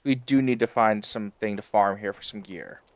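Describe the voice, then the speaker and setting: A man's voice: on the low side, normal speed, no room sound, lo-fi sound. A man streaming a game, chatting casually and rambling with lots of fillers and chuckles. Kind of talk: casual live-stream chat while playing.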